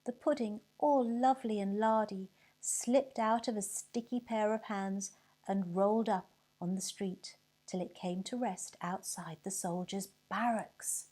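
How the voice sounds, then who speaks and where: Woman reading a children's story, slow, mellow, expressive, hushed moments. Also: mid-range voice. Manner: expressive, whispers and cheerful shouts for effect.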